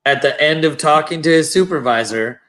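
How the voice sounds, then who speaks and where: A man's voice: fairly high pitch, a little fast, a bit bright. A man co-hosting a casual livestream chat, blunt and swearing as he retells run-ins. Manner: blunt, swears, retells stories with quoted voices. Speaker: livestream co-host.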